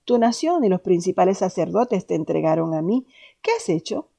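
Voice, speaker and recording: A woman's voice: fairly low pitch, lively intonation, normal speed, creaky, dark tone, slightly rough, exaggerated voice. A woman voicing a stern male Roman governor who questions firmly, read aloud from scripture. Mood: questioning.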